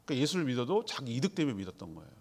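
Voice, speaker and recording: A man's voice: medium pitch, big pitch swings, rapid-fire. A man preaching a sermon in a conversational way, asking the congregation questions and answering them himself. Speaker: pastor.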